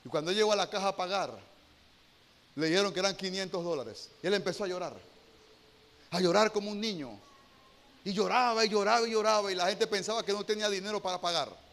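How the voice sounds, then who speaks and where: A male pastor preaching a sermon, asking the congregation rhetorical questions and moving between hushed storytelling and loud exhortation. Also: high-pitched, fast.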